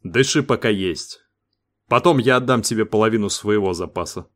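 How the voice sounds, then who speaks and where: A man voicing a composed male spaceship commander in an audiobook, curt and calmly commanding. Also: lowish voice, moderate pace, natural voice. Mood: firm. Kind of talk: audiobook character voice.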